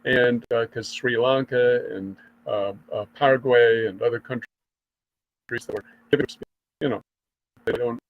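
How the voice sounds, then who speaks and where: A man's voice: medium pitch, steady tone, dry recording. Man on a choppy call line that keeps cutting out. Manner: halting, filler-heavy explanation. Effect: choppy connection cutting out. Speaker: guest journalist. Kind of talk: remote interview answer. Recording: dull lo-fi call audio with dropouts.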